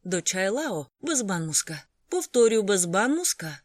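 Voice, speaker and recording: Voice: medium pitch, sing-song, unhurried, no echo. An audiobook reader voicing an eager, pushy male cafe waiter who coaxes customers and calls orders to the kitchen, with a raised voice, in a dry, close setting. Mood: calling out. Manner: coaxing, then shouting orders. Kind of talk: audiobook character voice.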